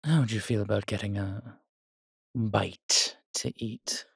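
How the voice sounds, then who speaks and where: In an intimate roleplay audio, a man plays a darkly charming, world-weary vampire, speaking very slowly in low, measured, courtly phrases. Close and dry with no room sound, he softly addresses one listener as a fond protector, his steady voice creaky and husky in an exaggerated, seductive, sly performance.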